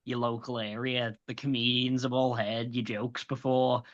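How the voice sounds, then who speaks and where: A stand-up comedian in his late twenties who grew up in Liverpool chats as a guest in a casual interview, his light Scouse accent coming through. His medium-pitched voice shows little pitch movement at a moderate pace, and the recording is muffled. He swears and restarts often.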